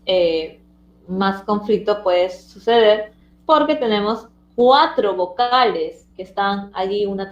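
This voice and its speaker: Female teacher, mid-pitched, patient step-by-step explainer; roomy, slightly dull lo-fi sound. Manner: explains step by step, checks in with students. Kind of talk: online language lesson.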